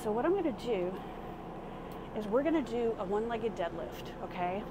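A woman's voice: mid-range voice, lively intonation, moderate pace. A middle-aged woman giving a casual, informal workout demonstration as a fitness instructor while she exercises, recorded inside a small RV from a few steps away. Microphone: camera a few steps away. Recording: clearly noisy vehicle interior sound.

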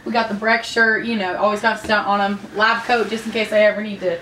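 A woman's voice: medium pitch, level tone, brisk, pushed and bright. A young woman with a bubbly, joking sorority-girl manner, giving a casual room tour on a handheld camera. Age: young adult. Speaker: vlogger. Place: small bedroom and bathroom indoors. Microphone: handheld camera at a short distance. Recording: noisy camera audio, room ambience.

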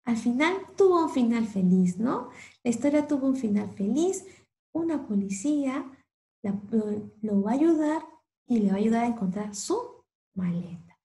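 A woman teaching English to Spanish speakers, reading a picture book aloud slowly and expressively and translating each line. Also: a little high, roomy sound, poor audio. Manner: slow, exaggerated, expressive reading with Spanish explanations.

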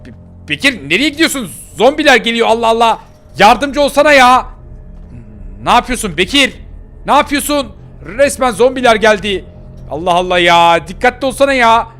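A man acts out a determined young girl on a hunt for her father, in a game role-play. She talks in a high, sharp voice, bossy and scolding. Faint music plays behind her. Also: expressive, moderate pace.

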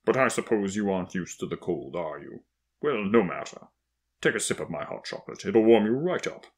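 Man voicing a booming, jovial old Santa Claus. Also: big pitch swings, a little fast. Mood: jovial, kindly. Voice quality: loud, booming. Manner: jovial, hearty, ho-ho chuckling.

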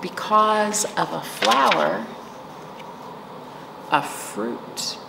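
In a small indoor library room, a seated middle-aged woman hosts virtual storytime as a children's librarian, offering rhymes and read-alouds, simple explanations and check-in questions for young kids. Her medium-pitched voice is expressive and creaky, delivered very slowly. Echo and background noise come through in the recording.

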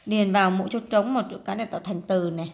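A Vietnamese-speaking woman teacher walks through a workbook lesson, chatty and thinking aloud, and says English words slowly. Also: medium pitch, fairly even intonation, creaky, slight background noise.

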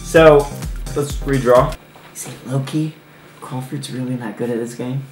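A man's voice: medium pitch, fairly even intonation, measured pace. A young man guesting on a casual vlog, playful and teasing. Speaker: guest YouTuber. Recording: echoey room from a distant mic with music.

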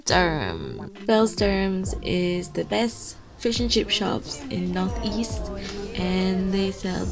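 A young woman tells her travel vlog in a chatty, upbeat voice-over. Her voice is a little rough, the morning after the trip. A clear music bed runs underneath. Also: mid-range voice, sing-song, takes it slowly. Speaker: vlogger, student.

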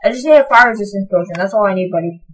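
A young woman giving casual, excitable commentary on her own gameplay, sometimes breaking into high, delighted shouts. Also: racing, breathy edge, rough recording. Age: young adult. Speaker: gaming channel host.

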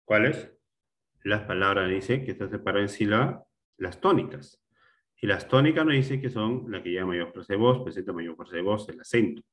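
A male teacher giving a classroom grammar lesson, explaining step by step, repeating words and often checking with a quick question. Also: on the low side, animated, a bit bright.

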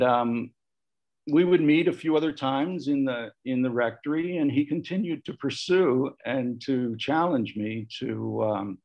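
A man's voice: medium pitch, gravelly. Reflective man telling a personal story. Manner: reflective, quotes others with lively voice changes. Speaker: panel guest sharing memories. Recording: muffled lo-fi audio.

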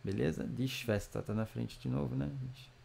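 A man teaching German vocabulary in a casual lesson, drawing out each word slowly between chatty asides. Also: medium pitch, creaky, darkish tone, breathy edge. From Brazil. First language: Portuguese. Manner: slow, drawn-out model pronunciation with chatty asides.

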